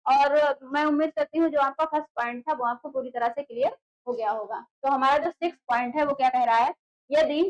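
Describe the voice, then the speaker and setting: A woman's voice: high-pitched, a little fast, poor audio. A woman teaching a Hindi exam-prep class, explaining patiently and asking herself questions that she answers straight away. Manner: asks rhetorical questions then answers them; explains patiently, repeating key words. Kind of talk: classroom lecture at a board.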